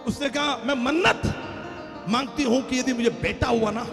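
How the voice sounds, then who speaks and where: A man preaching a sermon, swinging between loud shouts and hushed, dramatic passages. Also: very high-pitched, moderate pace, vocal fry. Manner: preaching with sudden shouts and dramatic dips, mixing Hindi and English. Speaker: pastor. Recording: echoey hall with faint music.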